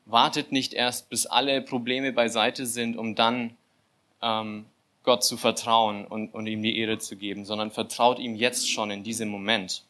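A young man giving an informal sermon, telling a scripture story with filler words and lively, acted-out asides. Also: lowish voice, measured pace. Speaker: church volunteer giving a sermon. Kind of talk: casual sermon.

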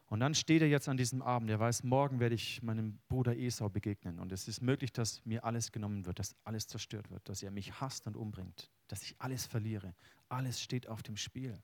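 A man preaching a sermon, earnest and personal, swinging between loud emphasis and hushed words. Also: fairly low pitch, fairly quick, no echo. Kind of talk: sermon with Bible reading.

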